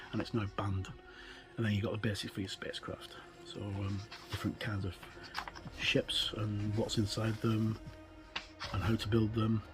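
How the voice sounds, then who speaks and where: On a rough recording, a middle-aged game reviewer with a fairly low voice gives a loose walkthrough of a book. His delivery is halting and unsure, full of self-corrections.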